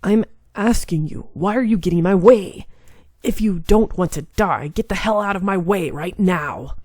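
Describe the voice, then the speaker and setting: A woman's voice: fairly low pitch, moderate pace, a little mellow, no room sound, natural voice. A woman voicing an arrogant male demon lord who taunts and threatens in a menacing tone, reading a visual novel. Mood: angry.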